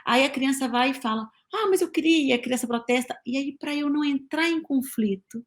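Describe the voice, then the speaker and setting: A woman's voice: sits high, steady tone, a little fast. A woman with a Brazilian Portuguese accent, a guest in an interview, explaining ideas carefully and defining her terms. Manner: thoughtful, defines terms, restarts phrases. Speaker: sleep consultant guest.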